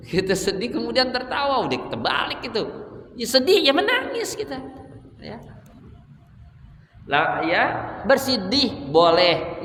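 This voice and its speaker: A male preacher teaches in a reverberant mosque hall. His voice sits high and sounds bright and forceful. He keeps the lecture light, asking questions and answering them himself. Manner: humorous, asks and answers own questions. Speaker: religious teacher.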